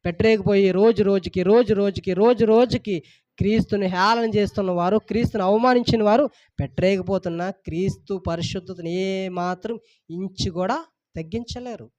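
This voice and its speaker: A pastor preaches with emphatic, repetitive phrasing, pressing each point again and again. His voice sits notably high for a man. The recording is dry and close, with no room echo. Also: normal speed, a little mellow, dull audio. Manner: emphatic, repetitive preaching with rising and falling intensity. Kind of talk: sermon.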